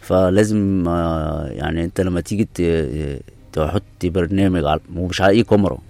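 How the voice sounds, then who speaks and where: Male expert guest, Egyptian Arabic accent, deep dark voice, casual explanatory interview delivery. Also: brisk, gravelly, dry recording. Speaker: interview guest, camera specialist.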